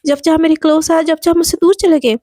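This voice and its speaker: A woman's voice: very high-pitched, flat delivery, fast, mellow, dry recording, studio quality. A woman voicing a jealous, possessive young woman who accuses her girlfriend. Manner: possessive, accusing, then pleading.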